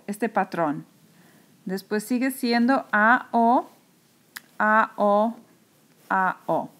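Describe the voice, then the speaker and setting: A woman teacher, patiently explaining a lesson in a recorded screencast and repeating key terms slowly. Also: fairly high pitch.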